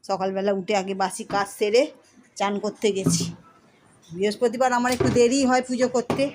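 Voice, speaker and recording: A woman's voice: medium pitch, flat delivery, normal speed, darkish tone. A middle-aged woman, chatting through a casual home vlog from her kitchen and talking to her viewers as friends. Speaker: vlogger. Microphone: phone camera.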